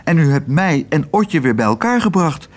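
A man's voice: fairly high pitch, sing-song, moderate pace, pitched above the performer's own voice. A man reading aloud, voicing a cheerful, grateful male cook and father.

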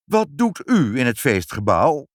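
A man's voice: medium pitch, big pitch swings, unhurried, dry recording, studio quality, voice pushed up. A man voicing a dignified, commanding grown woman in a storybook reading. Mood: stately. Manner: stately and commanding. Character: dignified stern grown woman, the mayor's wife.

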